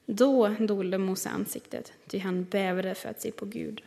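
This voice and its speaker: A woman preaching a sermon and reading scripture, reflective, slowing down to stress key words. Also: mid-range voice, steady tone, creaky, mellow. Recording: long reverb of a large hall.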